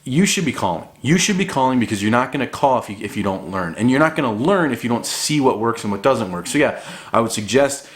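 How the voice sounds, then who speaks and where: A hobby hunter gives a duck calling tutorial, talking in a casual, laid-back, conversational way that stays encouraging. His voice is medium in pitch, expressive, and fast.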